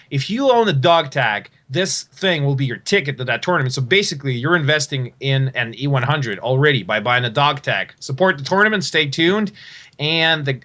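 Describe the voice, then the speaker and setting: A man's voice: medium pitch, sharp tone. A man hosting and commentating a live online tank tournament. He is upbeat and promotional, and he repeats his phrases. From half American, half Russian. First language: Russian.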